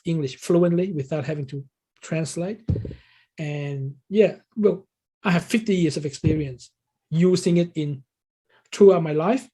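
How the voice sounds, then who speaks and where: Here a man with a fairly high, warm, husky voice is the interview guest. He is a Thai native speaker in his sixties from Thailand who coaches English learners, and he responds conversationally, explaining things the way a coach does.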